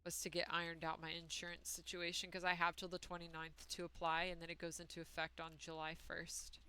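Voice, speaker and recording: A young woman chatting casually and excitably during a live gaming stream. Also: fairly low pitch, brisk, smooth. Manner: chatty, excitable, heavy use of "like". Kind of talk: casual chat while gaming.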